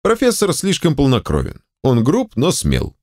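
A man voicing a smug grown man who proposes toasts in a measured, solemn way. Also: medium pitch, wildly swooping pitch, darkish tone, voice pushed up.

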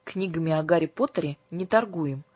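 Woman doing a preachy young bookshop guy, earnest, low-ish husky voice, dry sound. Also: a little fast, no echo. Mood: lecturing. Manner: gently preachy, instructive. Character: earnest young male seminary student bookseller.

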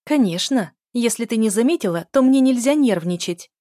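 A woman reading aloud, voicing a jealous pregnant young sister who is shrill and on the edge of hysteria. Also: expressive, brisk, darkish tone, no echo, clean studio sound, lightly acted. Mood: hysterical, accusing. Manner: shrill, accusing, near hysteria.

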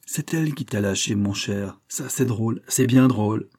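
A man's voice: lowish voice, normal speed, darkish tone, husky. A man reading an audiobook, voicing a brash, mocking young man who pushes his impatient friend to leave. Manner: pushy and jeering.

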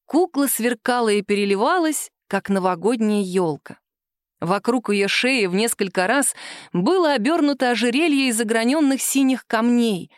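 Женщина читает аудиокнигу, выразительно рассказывая историю. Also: female voice, on the high side, moderate pace, no echo, studio quality. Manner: expressive storytelling. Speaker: audiobook narrator. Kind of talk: scripted narration.

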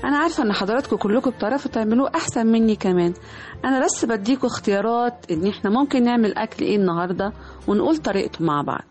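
A woman's voice: fairly high pitch, animated, rapid-fire, a little mellow, soft background music. A woman with an Egyptian accent giving friendly, modest, step-by-step recipe instructions on radio. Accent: Egyptian Arabic. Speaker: radio cooking segment host.

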